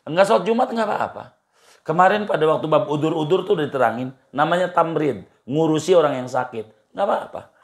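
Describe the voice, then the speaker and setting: A man's voice: a little high, lively intonation, a little fast. A man leads an informal religious study session. His talk is colloquial and easygoing, looping back over the same points and breaking into chuckles. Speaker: Islamic cleric answering questions.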